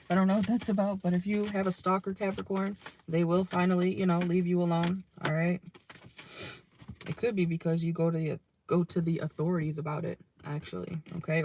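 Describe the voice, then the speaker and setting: With a medium-pitched, darkish voice and slight background noise, a young adult reads tarot casually from a parked car. The talk is loose and chatty, with the occasional swear word and an "okay?" tacked onto nearly every line.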